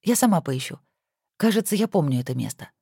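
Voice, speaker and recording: A reader voicing a sharp-tongued young wife who teases her husband in mock-stern tones, in a storybook reading. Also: medium pitch, lively intonation, brisk, gravelly, breathy edge, no room sound, clean studio sound, pitched above the performer's own voice.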